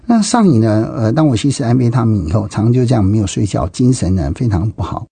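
A man's voice: lowish voice, animated, quick pace, creaky, warm tone, breathy edge, no echo. A middle-aged man with a Taiwanese Mandarin accent tells his own story as a testimony, speaking emphatically and often exclaiming and repeating himself. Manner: emphatic, with frequent exclamations and repetitions. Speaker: interviewee giving personal testimony.

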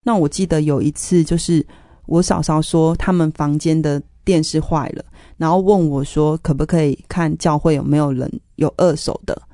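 A woman with a fairly low, dark and mellow voice shares her faith testimony in an interview. She tells it earnestly, with strong emotion running under her words. The sound is close and dry. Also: fairly even intonation, moderate pace, dry recording. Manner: earnest, emotional retelling of family conflict. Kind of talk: personal testimony storytelling.

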